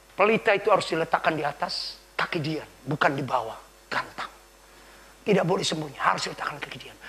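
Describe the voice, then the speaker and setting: A man preaches with a high, bright voice and a gravelly edge. He tells the story with drama, dropping to a hushed whisper one moment and shouting the next. The delivery is a full church sermon. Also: a little hiss or hum. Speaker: pastor.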